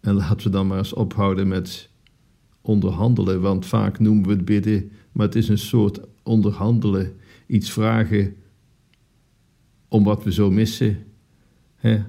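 A man with a low, gravelly voice gives a sermon as a priest. He talks earnestly and asks his listeners rhetorical questions. His tone is dark and mellow. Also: flat delivery, unhurried, long pauses.

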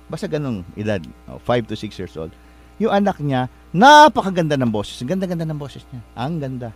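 A man's voice: fairly high pitch, sing-song, a little fast, soft background music. Polite rambling male show host. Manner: polite, addresses listeners with respectful particles; rambling, searches for words and corrects himself. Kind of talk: motivational storytelling talk.

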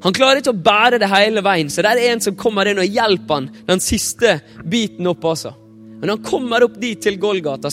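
A man's voice: sits high, fairly bright tone. A man preaching a sermon, retelling a story vividly and acting out the quotes. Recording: long reverb, faint music.

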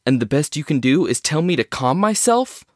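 A man's voice: fairly low pitch, measured pace, no echo, studio quality, lightly acted. A man playing an agitated, skeptical scientist in an audio drama, speaking in formal, theatrical and emphatic phrases. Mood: agitated, disbelieving. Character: agitated male scientist, skeptical, rattled and wordy.

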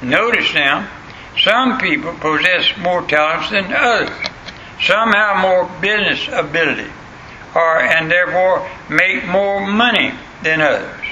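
A man's voice: high-pitched, measured pace, pushed and bright, dull audio. An older man with a rural Southern US accent and an old country voice, preaching a sermon in a plain-spoken, folksy way and repeating phrases for emphasis. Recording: echoey room, faint background noise.

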